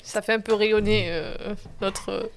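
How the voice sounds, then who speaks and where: A woman's voice: medium pitch, fairly even intonation, a little slow, vocal fry, a little hiss or hum. A woman co-hosting a casual radio chat, talking hesitantly with many fillers. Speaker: radio co-host.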